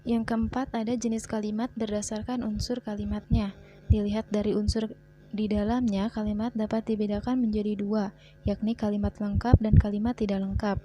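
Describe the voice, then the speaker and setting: A woman teacher, reading a grammar lesson in a measured way and slowing down for example sentences. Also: medium pitch, flat delivery, mellow, soft background music. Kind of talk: scripted grammar lesson narration.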